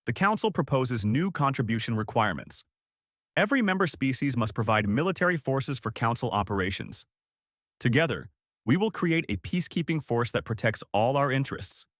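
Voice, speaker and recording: A man's voice: mid-range voice, very animated, fairly bright tone, no room sound, studio quality. A man voicing a stern, formal four-armed male alien council leader in a sci-fi audiobook. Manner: measured, formal, growing hard.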